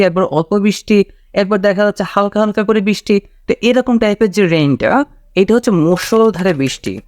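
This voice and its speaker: A man teaching English vocabulary in a casual spoken lesson, explaining slowly, repeating key words and checking in with "okay?". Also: high-pitched, a little mellow, no echo, clean studio sound.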